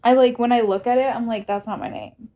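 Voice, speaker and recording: A woman's voice: a little high, very animated, a little fast, dark tone, dull audio. A woman in her thirties co-hosting a casual podcast chat, talking casually with lots of fillers. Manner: casual, filler-heavy talk. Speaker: podcast co-host, makeup entrepreneur.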